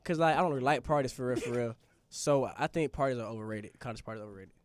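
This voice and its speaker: A young man hosting a casual group podcast, loud and joking, swearing freely. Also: mid-range voice, very fast. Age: young adult. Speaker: podcast host.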